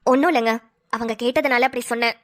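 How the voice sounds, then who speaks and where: A gentle pregnant young wife from a family cartoon who answers quietly and politely, as a woman voices her a little lower than her own voice. Her tone is soft and bright. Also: steady tone, fast, close to an everyday voice. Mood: meek. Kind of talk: cartoon voice acting.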